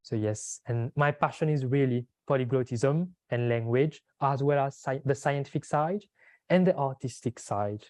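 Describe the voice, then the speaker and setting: Man in his twenties, Mauritian accent, native Creole speaker, soft-edged warm timbre, dry close sound, earnest informal talk, halting phrasing. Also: medium pitch, no room sound. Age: 20s. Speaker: language advocate and conference speaker.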